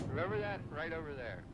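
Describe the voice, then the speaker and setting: Mocking young brother, taunting, slightly high voice, hissy old film audio. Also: male voice, lo-fi sound. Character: teasing young man mocking his scared sister.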